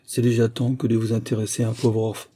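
A man's voice: mid-range voice, little pitch movement, fast, mellow, breathy edge, lightly acted. A man voicing a timid, emotional young male clerk who stammers and pleads in an audiobook. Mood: moved.

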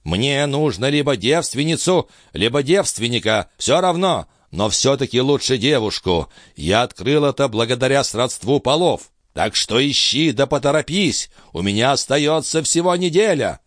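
A man voicing an ancient, frail male alchemist, wrathful and scornful, with a weak, quavering old voice and shrill shouting outbursts. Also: lively intonation, normal speed, few pauses, no room sound, clean studio sound, close to an everyday voice. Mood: menacing. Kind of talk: audiobook character voice.

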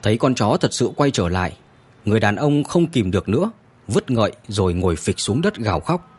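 A man narrating a story in an expressive, dramatic scripted reading. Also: lowish voice, fairly quick, husky.

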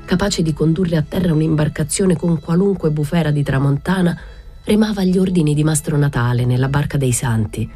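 A woman reading a literary novel aloud, narrating in the first person with a steady, measured delivery. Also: low voice.

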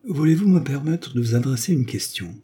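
A man's voice: medium pitch, animated, brisk, dark tone, breathy edge, voice pushed up. A man voicing a young defense lawyer who questions his client patiently and coaxingly. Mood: probing. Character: young male lawyer, probing, patient, gently persuasive.

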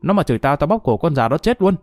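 A man's voice: medium pitch, lively intonation, fast talker, no echo, studio quality, lightly acted. A man doing a furious ex-convict husband. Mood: angry. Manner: shouting, rough and cursing. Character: hot-tempered ex-convict man, crude and threatening.

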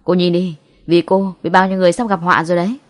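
A commanding young male demon hunter from a ghost audiobook, acted by a woman. He speaks sternly, in forceful scolding orders. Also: on the low side, little pitch movement, racing, natural voice.

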